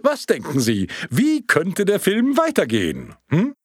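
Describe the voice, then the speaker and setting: A man's voice: high-pitched, wildly swooping pitch, measured pace, slightly rough, no echo, clean studio sound, voice pushed up, exaggerated voice. A man voicing a jovial, portly male film projectionist who coaxes and calls an audience to order in a raised voice. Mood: coaxing. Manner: raised, coaxing, emphatic.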